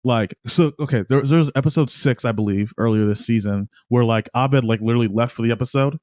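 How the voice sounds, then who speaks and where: A man co-hosting a casual podcast, talking in a relaxed way about favorite scenes. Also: mid-range voice, fast talker, no room sound, clean studio sound. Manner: relaxed, laughs along, short agreements. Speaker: podcast co-host.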